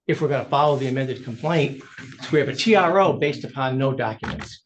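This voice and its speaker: A man's voice: medium pitch, lively intonation, fairly quick, dull audio, a little hiss or hum. Emphatic male attorney arguing in court. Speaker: attorney arguing before a judge. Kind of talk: courtroom legal argument.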